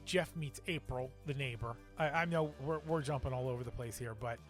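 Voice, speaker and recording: A man's voice: medium pitch, brisk, soft background music. A man co-hosting a movie review podcast, talking casually and wryly, often laughing. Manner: wry, sarcastic, laughs often. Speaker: podcast co-host.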